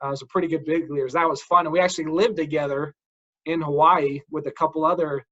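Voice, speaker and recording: A man in his forties chats as an interview host, eager and full of stories. His voice sits a little high. The audio is dull and lo-fi. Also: fairly even intonation, quick pace, fairly bright tone. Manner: enthusiastic, storytelling, says dude a lot. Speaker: podcast host, mental coach. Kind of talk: casual interview chat.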